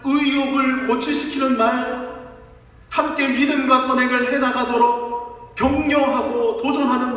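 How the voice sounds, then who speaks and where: A man's voice: extremely high pitch, a bit bright. A middle-aged man preaching a sermon as pastor, leaning on rhetorical questions to the congregation and a rhythmic, listing cadence. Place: large church sanctuary. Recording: echoey church hall from far off.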